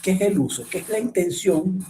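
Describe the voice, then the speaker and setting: Male lecturer, warm and mellow. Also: high voice, animated, normal speed, slight background noise. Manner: explanatory, asks the class frequent checking questions. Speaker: speech therapy lecturer. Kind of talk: online class lecture.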